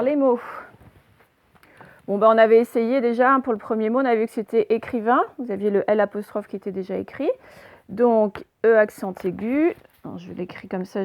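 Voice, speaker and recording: A woman teacher giving a recorded reading and spelling lesson to young children, speaking slowly and patiently and sounding out syllables and letters. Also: medium pitch, gravelly, a little mellow, no echo. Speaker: primary school teacher.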